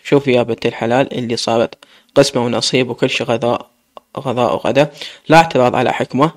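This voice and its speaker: Gruff impatient iraqi guy, read by a man, blunt and quick. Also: medium pitch, steady tone, lightly acted. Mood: stern. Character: gruff stern young man.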